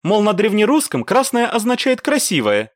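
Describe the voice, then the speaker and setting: A woman's voice: medium pitch, sing-song, normal speed, no room sound, pitched above the performer's own voice, natural voice. A man voicing a wry young married woman soldier in an audiobook. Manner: wry, dry.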